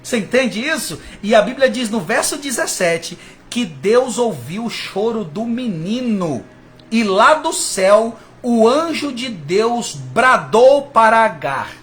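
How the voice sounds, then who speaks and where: Male preacher, high and lively voice, faint hiss behind, fervent sermon delivery. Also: slow. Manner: fervent, rising and falling, addresses listeners as brothers.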